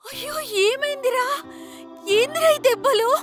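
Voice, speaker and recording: A woman's voice: fairly high pitch, animated, moderate pace, soft background music, natural voice. An actress playing a worried, scolding mother who pleads with her grown son, speaking with a Telangana Telugu accent in a web series drama.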